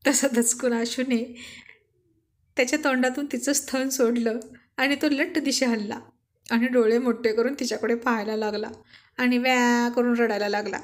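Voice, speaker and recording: A woman narrating a serialized romantic family story in a homely storytelling manner. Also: fairly high pitch.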